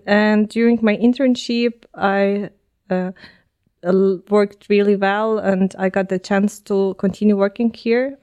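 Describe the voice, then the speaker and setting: Her voice is medium in pitch, smooth, and even-toned; she is a Ukrainian woman in her twenties whose first language is Ukrainian. Chatting as a podcast guest, she gives casual answers sprinkled with ums and uhs and phrased like a non-native speaker.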